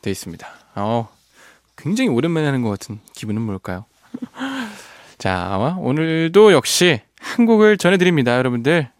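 A man's voice: medium pitch, no room sound, clean studio sound. A man hosting a radio show, reading out listener messages playfully and laughing often. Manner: playful, laughs often, strains voice singing a line. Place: radio studio.

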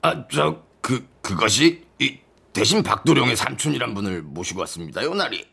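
An actor playing a timid servant in a radio drama, stammering and cowering. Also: male voice, medium pitch, animated, normal speed, gravelly, pushed and bright, husky, exaggerated voice.

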